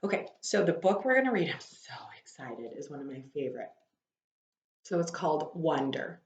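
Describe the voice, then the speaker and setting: A woman whose voice sits low reads to her class in a sing-song way at normal speed, chatting, explaining, and asking questions. The lo-fi recording carries roomy echo and slight background noise.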